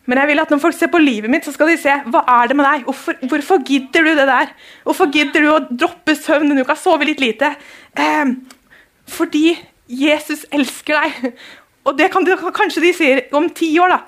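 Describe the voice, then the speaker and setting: High-voiced woman giving a chatty sermon. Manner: chatty, acts out little dialogues. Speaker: church speaker. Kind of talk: informal sermon.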